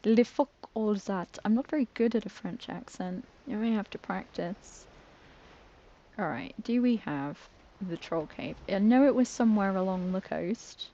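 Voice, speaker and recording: A woman's voice: mid-range voice, expressive, moderate pace, warm tone, highs cut off. A British woman streaming a game, chatting casually, giggling and poking fun at herself as she trips over words. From Britain. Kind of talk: casual live-stream chat while playing.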